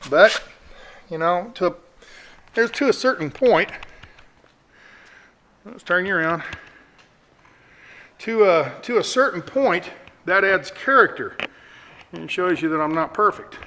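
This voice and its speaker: A high, expressive male voice, a little slow and bright with a forceful tone and long pauses. This middle-aged host of a DIY build vlog gives a folksy, rambling, self-deprecating hands-on show-and-tell, recorded on a camera mic in an echoey room with faint noise.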